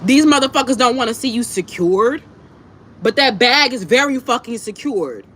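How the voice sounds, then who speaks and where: A woman's voice: on the high side, expressive, normal speed, a bit bright. A woman chatting casually to her livestream viewers while eating, speaking bluntly in emphatic, repetitive, profane slang. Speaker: livestream host talking to viewers. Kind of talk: casual, impassioned monologue to viewers. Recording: clear background noise.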